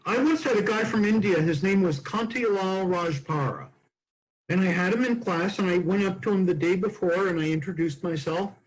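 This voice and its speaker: A man's voice: high voice, moderate pace, poor audio. A man in his sixties hosting a casual comedy chat, joking and telling anecdotes. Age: 60s. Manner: jokey, tells anecdotes. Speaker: host.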